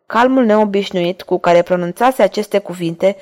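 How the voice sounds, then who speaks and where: Woman audiobook narrator, steady measured reading, mid-pitched voice.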